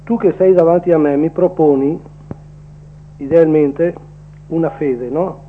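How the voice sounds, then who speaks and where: A male caller is heard over the phone, his fairly high voice muffled by the line. He speaks plainly and earnestly. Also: fairly even intonation, a little slow. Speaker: radio call-in caller. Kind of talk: casual opinion on air.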